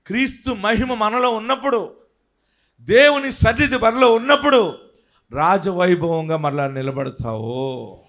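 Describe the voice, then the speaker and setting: A man preaching a fervent sermon as a pastor, swinging between loud shouting and soft pleading as he leads the congregation in prayer. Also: sits high, a little slow, pauses often. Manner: leads the congregation in prayer, speaking lines for them to repeat.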